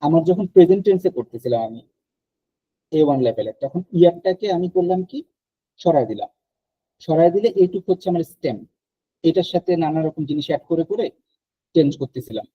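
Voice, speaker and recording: A man teaching an online French class, explaining slowly and repeating verb conjugations aloud. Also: on the high side, animated, husky, no room sound, dull audio.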